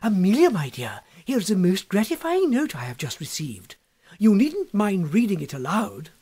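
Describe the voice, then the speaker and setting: A man's voice: high-pitched, huge pitch swings, moderate pace, dark tone, slightly rough, heavily acted. A man voicing a precise, proper older spinster schoolmistress, speaking in an affectedly sweet, genteel way.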